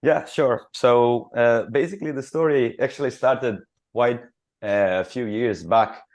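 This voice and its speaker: A man's voice: mid-range voice, a little slow, darkish tone. A man from Croatia with a Croatian accent, a futsal club captain speaking earnestly in a radio interview, with many fillers and restarts.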